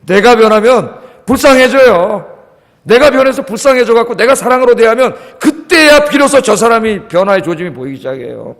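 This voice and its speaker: A man's voice: very high voice, very animated, fast, hardly any pauses. A pastor in his fifties preaching a sermon with emphasis, often asking his congregation questions. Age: 50s. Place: church sanctuary. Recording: long church hall reverb.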